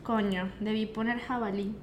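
A woman's voice: medium pitch, steady tone, moderate pace, darkish tone, highs cut off. A young woman with a Venezuelan Spanish accent, co-hosting a casual chat over a word game, laughing and teasing a lot. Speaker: co-host. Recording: echoey room, faint noise.

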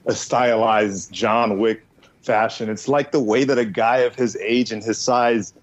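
Excitable, cursing man on a dull-sounding podcast mic. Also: lowish voice, a little slow. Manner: excitable, swears freely, casual. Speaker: podcast panelist. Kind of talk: casual podcast chat. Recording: slightly dull audio.

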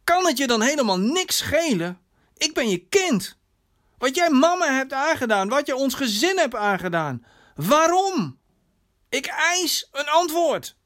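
A man voicing a furious, hurt 19-year-old daughter who shouts accusations at her father. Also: high voice, very animated, normal speed, few pauses, voice pushed up.

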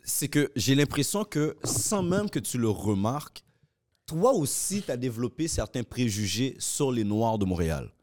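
A man's voice: medium pitch, very animated, a little slow, a little mellow. Guy hosting a podcast, voice goes up and down a lot, questions and explains. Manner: reasoned, questioning delivery. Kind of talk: casual podcast chat.

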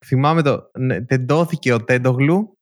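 Lively young man telling sports stories. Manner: animated storytelling, rising pitch when excited. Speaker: podcast co-host. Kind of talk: casual chat.

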